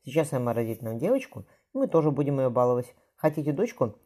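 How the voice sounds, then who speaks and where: A reader voicing a hospitable middle-aged merchant who talks genially and sincerely. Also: female voice, very deep voice, very animated, fast, mellow, heavily acted.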